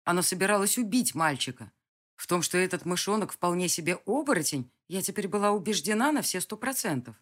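Expressive first-person audiobook narration. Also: mid-range voice, a little fast. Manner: lively, expressive reading.

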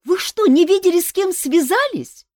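A woman voicing a fiery young female nymph dancer who scolds in a shrill voice. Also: wildly swooping pitch, unhurried, dry recording, clean studio sound, exaggerated voice. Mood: indignant.

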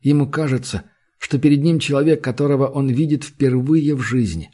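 A man reading a literary novel aloud in a measured, intense manner. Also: mid-range voice, mellow, breathy edge. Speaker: audiobook narrator. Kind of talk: scripted literary narration.

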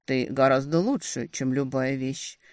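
A woman's voice: low voice, expressive, moderate pace, dry recording. A woman playing a cocky, possessive male demon in an audiobook, in a mocking, smug tone close to her own voice.

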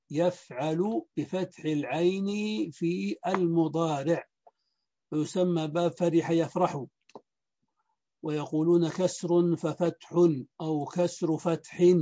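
A man teaching Arabic morphology in a lecture, speaking slowly and deliberately and repeating word patterns. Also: a little high, warm tone, highs cut off. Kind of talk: lecture explaining a grammar book.

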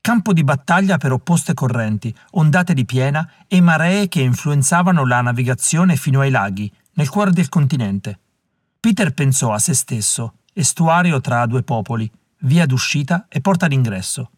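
A man narrating a novel aloud in a measured, calm reading voice. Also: medium pitch, no room sound, clean studio sound. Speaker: audiobook reader. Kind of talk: scripted narration.

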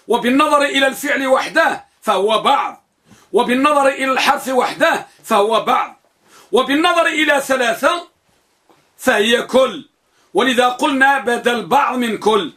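A man's voice: extremely high pitch, animated, moderate pace, sharp tone. A man teaching Arabic grammar, explaining step by step and posing questions he then answers himself. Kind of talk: classroom grammar lesson.

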